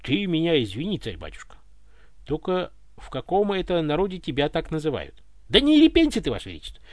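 A man's voice: on the high side, wildly swooping pitch, brisk, no room sound. A man voicing a brash, cheeky young commoner who keeps joking in folksy speech, read dry and close. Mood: bantering.

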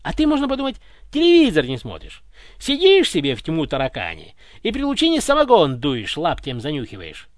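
A man's voice: on the high side, wildly swooping pitch, brisk, no room sound. A man voicing a brash, cheeky young commoner who keeps joking in folksy speech, read dry and close.

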